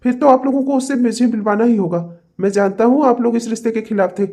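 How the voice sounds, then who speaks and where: A man's voice: very high voice, fairly even intonation, fast talker, mellow. A man voicing a self-satisfied, busy rich husband in a cartoon, breezy and demanding. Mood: irritated.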